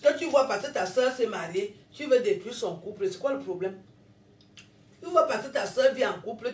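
Filming her own rant for followers, a woman with a Cameroonian French accent scolds, repeats herself and laughs between lines. She is a social media personality with a slightly high voice, picked up by a distant mic in an echoing room.

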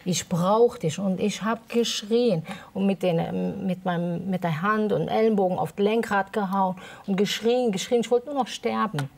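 A woman's voice: mid-range voice, normal speed, gravelly, hardly any pauses, a little mellow. A woman giving a personal testimony in an interview, hesitant and emotional, with many fillers. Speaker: interview guest.

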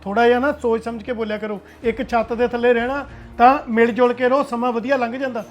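A man plays a stern elder brother with a Punjabi accent, lecturing the family in a quick, high voice. Faint music sits underneath. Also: level tone, dull audio. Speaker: elder brother, head of household.

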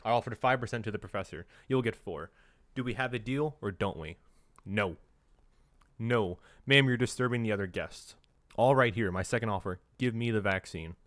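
A man's voice: fairly low pitch, normal speed, fairly bright tone, no room sound, studio quality, natural voice. A man voicing a greedy, scheming rich villain from a comic, bargaining smugly.

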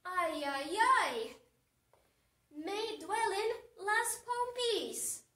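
A woman's voice: high voice, a bit bright, distant mic, heavily acted. A woman voicing a whiny fifteen-year-old schoolgirl who complains, recorded off the mic in an echoey room. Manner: whining, complaining.

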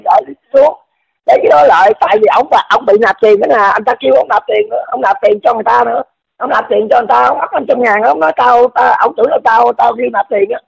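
Guy on a phone call, gravelly high voice, stammers, talks super fast, defensive. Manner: stammering, repeats words, defensive. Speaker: caller in a dispute. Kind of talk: heated phone argument.

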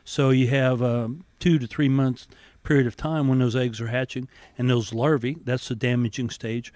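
A man's voice: medium pitch, darkish tone, dry recording. A man who is a university entomologist, answering interview questions in a methodical, explanatory way in an office with a handheld mic held toward him. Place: office with windows and plants, indoors.

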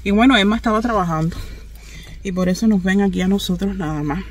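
Quick-paced and mid-pitched, a Cuban vlogger in her thirties relates a story to the phone she holds at arm's length while riding in a car's back seat. Her Cuban Spanish delivery is animated and chatty, with plenty of laughter and slight background noise.

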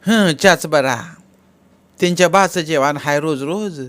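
A chatty young servant in a village household, gossiping with amusement about the guests as a male narrator voices him, a little raised. His telling is lively and conspiratorial. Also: a little high, a little slow, pitched above the performer's own voice. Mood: amused.

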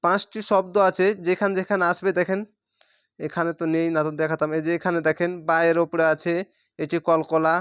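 Man, Bangladeshi Bengali accent, Quran reading teacher, slow syllable spelling, high clear voice. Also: little pitch movement, a bit bright, no room sound, clean studio sound. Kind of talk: spelling-out recitation lesson.

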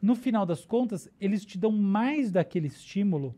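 Brazilian woman, neuroscientist guest, mellow tone, casual explainer who keeps checking in with the listener. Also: mid-range voice, lively intonation, normal speed. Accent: Brazilian Portuguese.

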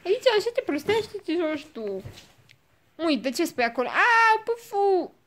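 A woman's voice: high-pitched, sing-song. A woman at home filming her puppy on a phone, calling and cooing at it in sing-song bursts. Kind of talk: playful home video chat. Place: at home, indoors. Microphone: phone camera.

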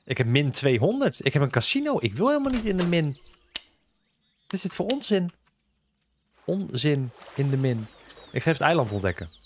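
A man's voice: a little high, a little hiss or hum. Guy doing a chill let's play, voice jumps all over, cracking jokes at the npcs. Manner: joking, chats with and teases game characters. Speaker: gaming video host. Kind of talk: casual let's-play commentary.

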